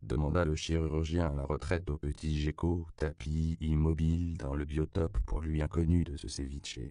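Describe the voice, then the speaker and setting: Deep gravelly male audiobook narrator. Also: no echo, clean studio sound. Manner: measured, even reading. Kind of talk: scripted narration.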